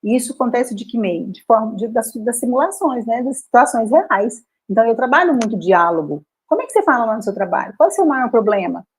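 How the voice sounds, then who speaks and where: A woman's voice: fairly high pitch, lively intonation, quick pace, few pauses, breathy edge, low-quality recording. A woman with a Brazilian accent, a speech therapist explaining her work in a live conversation, often adding tag questions.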